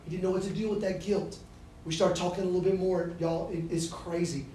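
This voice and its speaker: Brief: male preacher, high voice, storytelling sermon that moves between hush and shout, heard from far off in a boomy hall. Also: flat delivery, brisk, a little hiss or hum. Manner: storytelling, swinging from hushed to shouting. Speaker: campus preacher. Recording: echoey hall, speaker far from mic.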